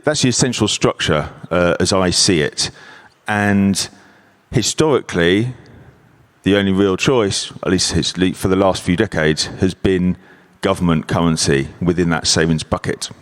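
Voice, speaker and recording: Low-voiced man, measured. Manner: measured, structured explanation. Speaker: panelist, investment adviser. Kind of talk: conference panel talk. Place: conference hall.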